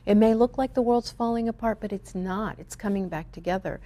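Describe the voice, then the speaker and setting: A woman's voice: mid-range voice, a little fast, mellow. A woman hosting a spiritual talk show, speaking in an earnest, reflective and uplifting way. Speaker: show host. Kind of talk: spiritual talk radio chat.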